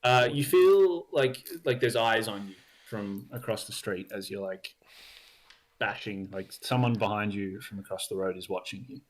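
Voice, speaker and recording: A man's voice: lowish voice, moderate pace. A young man narrating as dungeon master, hesitant with many ums and likes. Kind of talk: narrating a tabletop game.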